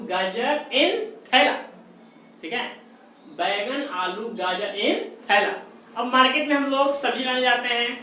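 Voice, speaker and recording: A man teaching chemistry in a classroom lecture, slowly repeating memory tricks and checking in with his students. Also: extremely high pitch, sharp tone. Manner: repeats mnemonics slowly, checks in with "theek hai". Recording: far-off echoey room with faint noise.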